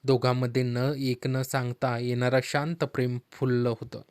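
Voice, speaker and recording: Calm male storyteller, dry close sound. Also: mid-range voice, moderate pace, smooth, no room sound. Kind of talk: scripted first-person story narration.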